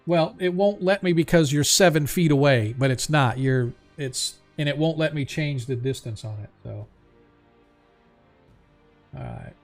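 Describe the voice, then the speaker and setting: A man's voice: a little high, unhurried, soft background music. A man casually running an online tabletop roleplaying game as its game master.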